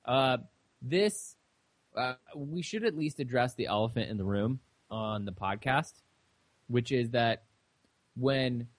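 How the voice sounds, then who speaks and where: A young man co-hosting a casual podcast chat, talking in a halting way with lots of fillers and restarts. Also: medium pitch, no echo. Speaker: podcast co-host.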